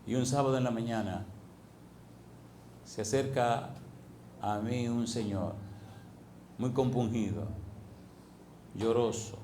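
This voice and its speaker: A man's voice: medium pitch, slow pace, pauses often, dark tone. A man, a pastor, preaching a sermon that mixes a story with questions to the congregation. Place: church hall with congregation. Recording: echoey hall, faint background noise.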